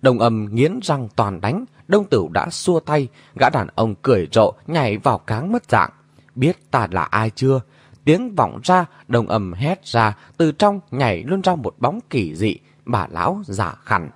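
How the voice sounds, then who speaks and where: A man narrating a martial-arts story in a dramatic, animated storytelling manner. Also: mid-range voice, a little slow, few pauses, breathy edge, no echo.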